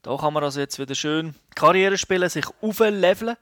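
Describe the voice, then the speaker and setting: A man's voice: fairly high pitch, brisk, a bit bright, no room sound, clean studio sound. A man with a Swiss German accent, hosting a casual podcast and steering the talk with questions. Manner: leads the talk, asks questions. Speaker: podcast host.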